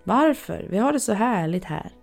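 A sweet, coaxing mother's voice, put on by a storyteller in a spoken horror tale, pitched well above the reader's own. She calls out brightly and invitingly, with something sinister under the cheer. A faint music bed plays behind her. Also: expressive, gravelly. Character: sweetly luring mother, secretly a monster.

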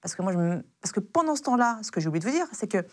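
Brief: young woman guest, casual and slangy, mid-pitched, full of fillers. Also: very fast. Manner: lively, slangy retelling with many fillers. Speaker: guest, former intelligence officer. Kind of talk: casual spoken storytelling.

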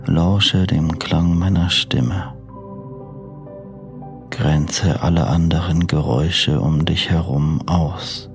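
A man narrating a sleep meditation like a bedtime storyteller, hushed and unhurried, with long pauses between short phrases. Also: extremely low pitch, steady tone, creaky, music in the background. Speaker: podcast host and meditation narrator.

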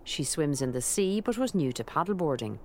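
A woman's voice: deep voice, big pitch swings, moderate pace, darkish tone, slight background noise. An Irish-accented woman reading scripted narration for a documentary.

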